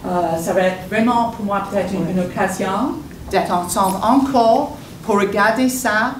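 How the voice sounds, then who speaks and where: A woman whose first language is English offers unscripted public comment in a meeting hall, speaking a little slowly in a mid-range voice. She's hesitant, often restarting as she searches for words. The recording picks up an echoey room and background noise through a distant mic.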